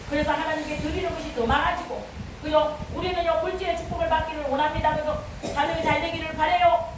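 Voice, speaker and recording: A woman pastor preaching a sermon with fervent, rising exhortations. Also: high voice. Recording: echoey hall from far off, light noise.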